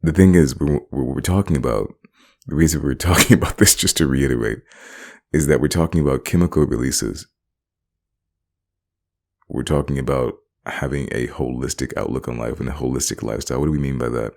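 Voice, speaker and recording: A man with an extremely deep, gravelly voice talks in a loose, rambling monologue. He circles back over his points, repeats words and breaks into laughter between phrases. The delivery is casual and unscripted. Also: a little fast. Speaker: vlogger.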